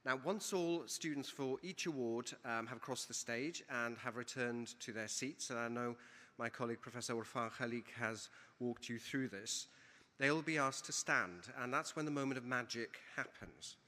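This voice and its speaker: This bright-voiced man speaks at medium pitch and normal speed, his words ringing with long reverb through a large ceremony hall. A provost whose first language is Welsh, he welcomes a graduation in a playful, theatrical, eloquent style, moving back and forth between Welsh and English.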